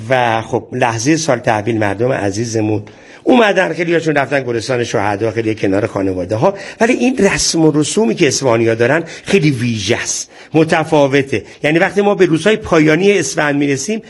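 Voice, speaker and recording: A male radio reporter with a rough-edged, somewhat high voice. He conducts his interview in a chatty manner, full of courtesies.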